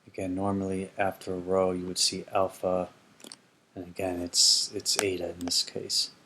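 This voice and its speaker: Male Greek tutor, deep monotone, slow, hesitant with ums, repeats forms aloud. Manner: slow, careful, repeats words to model pronunciation; hesitant with frequent ums and restarts. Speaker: ancient Greek teacher. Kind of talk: explanatory grammar lesson.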